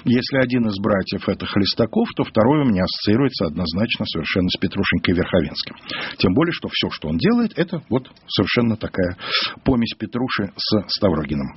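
A man narrating a detailed historical account for a radio program in a measured way, reading old documents aloud with his own asides. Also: lowish voice, sing-song, lo-fi sound, a little hiss or hum.

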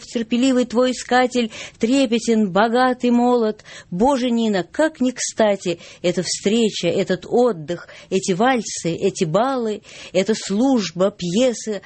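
A woman's voice: medium pitch, darkish tone, no room sound. A woman guest on a radio show, chatting with dry jokes and reading a poem aloud.

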